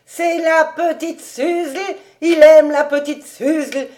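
A woman doing an excitable old rabbi. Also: close to an everyday voice. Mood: excited, coaxing. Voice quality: high, loud, animated exclamations. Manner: emphatic, slow, coaxing.

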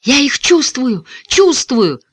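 An eager young boy pushes out his words with clenched determination, as a man acts him out. His voice rises high and lively. The sound is close and dry. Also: normal speed, dry recording, exaggerated voice. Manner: determined, through gritted teeth.

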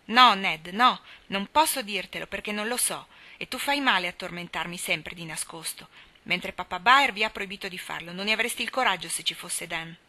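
A woman's voice: mid-range voice, moderate pace, sharp tone. A woman reading the part of a girl who speaks patiently and pleadingly. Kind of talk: audiobook character reading.

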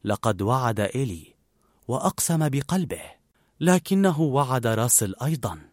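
A man narrating a storybook in an expressive, animated reading. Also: medium pitch, moderate pace, no echo, studio quality.

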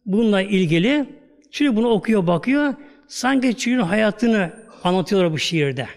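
A Turkish male preacher narrates a moral tale in a loose, spoken style and keeps repeating small filler words. His voice is fairly high for a man. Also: lively intonation, moderate pace. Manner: colloquial storytelling, repeats "şimdi" and "böyle". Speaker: preacher, religious teacher. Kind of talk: religious storytelling talk.

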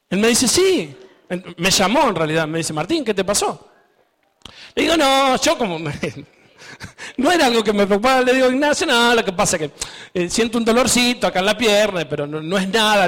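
High-voiced Argentine preacher in a hall. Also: male voice, a bit bright. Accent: Argentine Spanish. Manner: storytelling, laughing at himself, quoting others in raised voice. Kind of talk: sermon testimony.

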